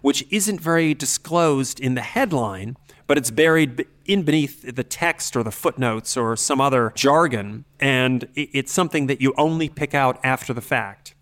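Articulate and analytical, an expert podcast host lays out his explanations in a measured way. His medium-pitched voice is expressive with a fairly bright tone.

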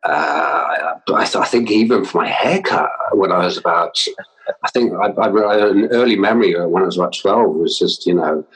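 Laid-back man with a low voice. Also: moderate pace, rough recording. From London, with schooling in Wales. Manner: relaxed, laughing often, stammering restarts. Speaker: guest, fashion stylist. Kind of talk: casual interview chat.

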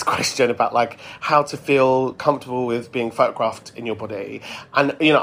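A man's voice: mid-range voice, a bit bright. Chatty British man hosting a podcast. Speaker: podcast host. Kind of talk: casual chatty monologue answering listener messages.

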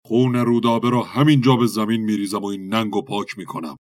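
A man's voice: sits low, fairly even intonation, no echo, clean studio sound. A man voicing a furious, proud old king and father, roaring harshly. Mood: raging.

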